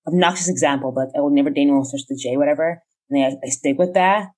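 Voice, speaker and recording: A young woman with an unusually low voice speaking as a podcast guest. She talks frankly in a casual chat, and her opinions come out animated. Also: fast.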